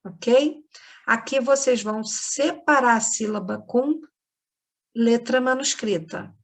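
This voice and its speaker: A Brazilian woman teacher giving a recorded lesson to young children, dictating words slowly and patiently, checking in with "ok?" as she goes. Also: fairly high pitch, creaky. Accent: Brazilian Portuguese. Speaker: primary school teacher. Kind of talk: recorded online class for children.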